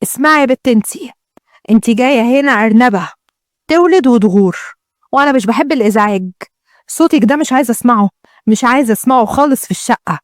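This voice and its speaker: A woman's voice: on the high side, expressive, quick pace, no room sound, studio quality, close to an everyday voice. A woman with an Egyptian accent voicing a jealous, domineering first wife who threatens and commands. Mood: menacing. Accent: Egyptian Arabic.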